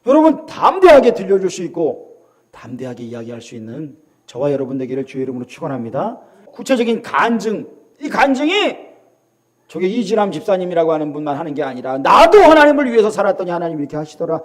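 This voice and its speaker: A middle-aged pastor from South Korea preaches with a high, lively voice that leaps up and down in pitch. He swings from ringing calls to soft, hushed asides. He slips into acted-out voices of other people as he makes his points. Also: fast talker. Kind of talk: sermon.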